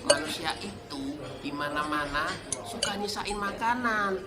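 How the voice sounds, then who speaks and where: A woman's voice: low-pitched, a little slow, over loud music. A woman voicing a gloomy, pessimistic piece of leftover food in a radio ad. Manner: pessimistic, sulky. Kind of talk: radio ad acting.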